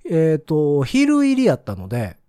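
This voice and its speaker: Kansai-accented man, mellow and animated. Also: a little high, a little slow, smooth, no echo, studio quality. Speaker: podcast co-host. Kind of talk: casual chat.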